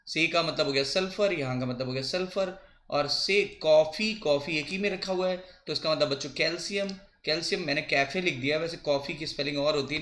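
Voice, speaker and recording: A man teaching a biology coaching lesson, repeating and spelling out memory tricks slowly for his students. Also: fairly high pitch, pushed and bright. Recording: echoey room.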